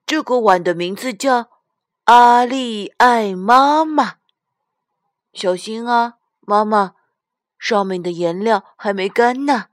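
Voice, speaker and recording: A woman's voice: medium pitch, a little slow, dry recording, clean studio sound, voice pushed up, close to an everyday voice. A woman voicing a curious little girl bear cub in a storybook, asking question after question in a pleading way. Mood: eager.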